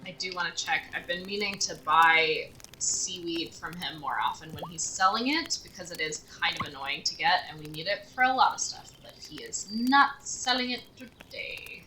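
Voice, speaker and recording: Woman streamer, lowish bright voice, unhurried, chatty, faint game music behind. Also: a little hiss or hum. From United States. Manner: chatty, thinking aloud, talking to chat. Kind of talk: casual live-stream commentary while gaming.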